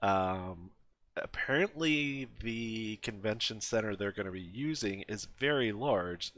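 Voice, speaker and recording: A man co-hosting a casual gaming podcast, talking in a relaxed, rambling way with many fillers. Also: on the low side, measured pace. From USA. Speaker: podcast co-host.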